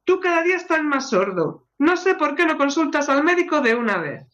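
A woman's voice: high-pitched, big pitch swings, fairly quick, fairly bright tone, dull audio, voice pushed up. A woman voicing a furious middle-aged wife who snaps back indignantly and repeats herself, in a radio joke.

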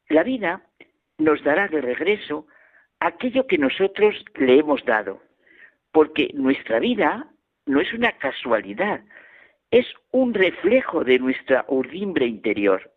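A man giving a reflective radio homily and telling anecdotes as a preacher. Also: a little high. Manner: reflective, storytelling. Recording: phone-like radio sound.

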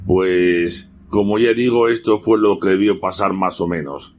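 Man, lowish voice, radio guest, casual storytelling, relaxed filler words. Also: unhurried. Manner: relaxed, with fillers like "bueno, pues".

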